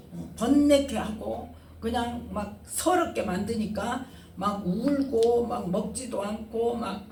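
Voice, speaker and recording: A woman's voice: mid-range voice, gravelly, darkish tone, roomy sound, recorded from a distance, slight background noise. A woman pastor preaching a sermon, asking the congregation questions and retelling scenes with feeling. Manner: call-and-response questioning, dramatic retelling.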